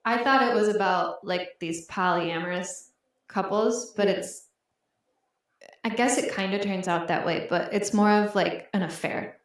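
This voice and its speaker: A woman's voice: mid-range voice, measured pace. Rambling woman podcaster, echoey room. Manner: chatty, rambling, full of "um" and "like". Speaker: podcast co-host. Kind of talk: casual chat.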